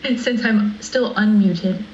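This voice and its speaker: A woman's voice: mid-range voice, measured pace, dull audio, a loud crowd. A woman board member asking questions at a meeting, uncertain and conversational.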